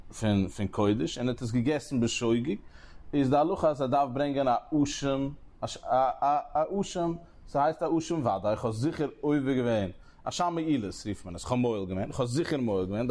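A man's voice: medium pitch, darkish tone. A man teaching a Talmud lesson, explaining each step in turn and pushing his voice sharply up to stress key points. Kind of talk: Talmud study lecture.

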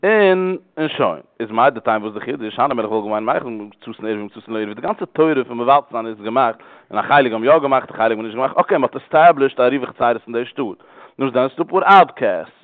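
A man teaching a religious law class, explaining in a rapid, repetitive way. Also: medium pitch, lively intonation, no echo. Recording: tinny phone-like line.

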